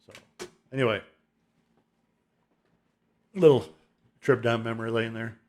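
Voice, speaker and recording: A man's voice: medium pitch, steady tone, takes it slowly, darkish tone. Rambling, chuckling middle-aged man. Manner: rambling, chuckling, nostalgic, full of fillers. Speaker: album ranking vlogger. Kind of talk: casual rambling monologue.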